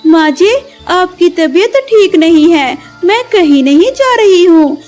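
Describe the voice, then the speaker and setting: A woman voicing a simple, kind young bird wife in a cartoon, speaking in a gentle and polite way. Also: very high voice, lively intonation, takes it slowly, soft background music, full character voice.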